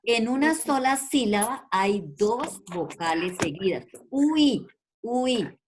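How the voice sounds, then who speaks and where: A woman's voice: fairly high pitch, lively intonation, takes it slowly, background noise. A woman teaching an online primary school language class, patiently calling pupils by name and repeating her questions in an affectionate way. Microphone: video call.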